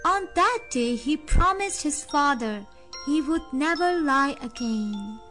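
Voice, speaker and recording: A woman telling a children's story, her voice high and her pace very slow. She lingers over each phrase with a moralizing tone. Soft music plays faintly underneath. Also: expressive.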